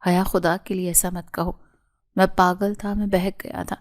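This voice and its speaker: A woman's voice: lowish voice, flat delivery, natural voice. A woman reading a remorseful young husband. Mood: pleading. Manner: pleading. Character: proud young male doctor, remorseful husband.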